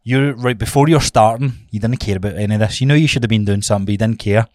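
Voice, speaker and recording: A man's voice: lowish voice, racing, darkish tone, dry recording, clean studio sound. A Scottish man co-hosting a fitness podcast as a coach, chatting casually in an informal, sweary, motivational way.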